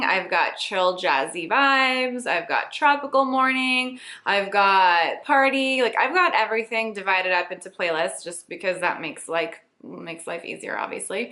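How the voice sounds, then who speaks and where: A woman in her late twenties, a lifestyle blogger chatting through a casual rapid-fire Q&A with a playful, self-teasing manner. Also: mid-range voice, pushed and bright, reverberant. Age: late 20s.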